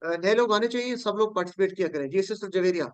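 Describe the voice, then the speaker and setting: A man's voice: high-pitched, quick pace, clean tone, no room sound. A man from Pakistan teaching Quranic Arabic in an online class, patiently drilling word forms and calling on students.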